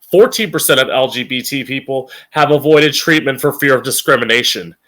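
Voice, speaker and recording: A man's voice: on the high side, a bit bright. A man with a campy drag queen manner hosting an informal opinion monologue, emphatic and opinionated, with plenty of swearing. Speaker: podcast host.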